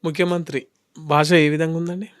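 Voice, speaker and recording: A man's voice: fairly high pitch, level tone, brisk, no echo, studio quality. A male TV news interviewer pressing his guest with challenging, pointed questions. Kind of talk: political TV interview.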